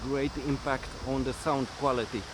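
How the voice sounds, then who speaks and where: Man talking outdoors over loud rushing noise. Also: medium pitch, little pitch movement. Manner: halting, repeats words. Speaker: gadget reviewer. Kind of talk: product review vlog, casual explaining. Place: outdoors in a city by a fountain. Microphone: smartphone or small shotgun mic, handheld. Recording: outdoor microphone test, loud water and traffic noise, wind. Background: rushing fountain, traffic, wind.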